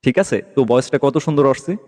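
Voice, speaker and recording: As host of a casual tutorial voice-over, a man explains things step by step and often checks that listeners are following. His mid-range voice is fast and darkish, recorded with a long reverberant echo.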